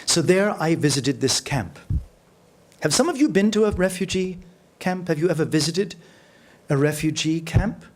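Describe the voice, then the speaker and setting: A man giving a storytelling lecture as a radio journalist, acting out dialogue vividly and slowing to a low voice for emphasis. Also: expressive. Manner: vivid, acts out dialogue with shifting pitch; slows down and drops low for emphasis. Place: lecture hall.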